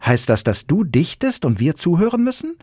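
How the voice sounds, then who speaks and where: A man's voice: a little high, very animated, normal speed, a little mellow, husky, dry recording, studio quality, voice pushed up. Man doing a skeptical little schoolgirl. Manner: doubtful, reproachful. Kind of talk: audiobook reading.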